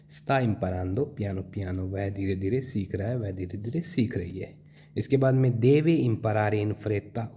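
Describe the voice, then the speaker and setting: Low, mellow male language teacher. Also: a little hiss or hum. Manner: slow, drawn-out example phrases. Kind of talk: explaining lesson.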